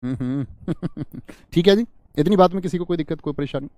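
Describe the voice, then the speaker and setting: An Indian man teaches Hindi grammar in a live online class, slowly repeating key phrases, quizzing viewers and answering their chat. His voice is fairly high-pitched with a darkish tone, recorded in studio quality with no echo.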